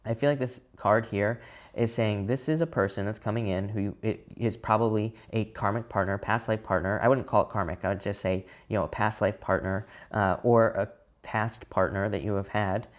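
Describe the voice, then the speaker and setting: Man, lowish voice, casual tarot reader who rambles and hedges. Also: steady tone, normal speed. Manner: casual, rambling, many fillers and hedged restarts. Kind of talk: tarot reading to camera.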